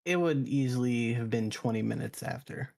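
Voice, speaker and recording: A man's voice: medium pitch, moderate pace, vocal fry, a little mellow. A man acts as witness in an online mock trial. His voice sits mid-range. He stammers and repeats words while recalling details. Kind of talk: mock trial role-play.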